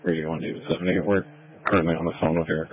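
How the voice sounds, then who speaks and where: A man in the field making hurried radio call-ins over a police radio, flat and loud. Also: deep voice, husky, dry recording. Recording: tinny radio transmission, distant mic.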